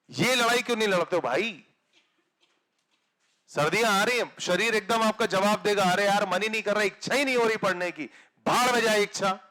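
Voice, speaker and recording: A man teaching physics to exam students in Hindi, with a north Indian accent, giving a blunt motivational talk that moves between soft asides and loud urging. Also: high voice. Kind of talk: motivational classroom lecture.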